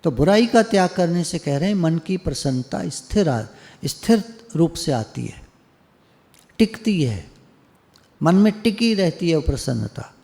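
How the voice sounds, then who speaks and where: Gravelly-voiced man giving a devotional talk. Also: on the high side, sing-song, measured pace, darkish tone, big-room sound. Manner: conversational, teasing, acts out quoted callers. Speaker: spiritual teacher. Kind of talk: devotional discourse. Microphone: online video call.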